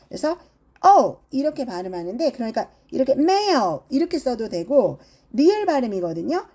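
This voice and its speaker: A middle-aged woman with a Korean accent teaches a phonics lesson, sounding out letters slowly and repeating them. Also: a little high, mellow. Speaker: English teacher.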